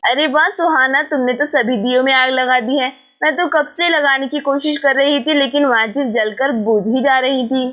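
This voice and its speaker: A woman's voice: sits high, fairly even intonation, moderate pace, hardly any pauses, a bit bright. A woman voicing a friendly young village daughter-in-law in a doll story. She talks in a polite, chatty way.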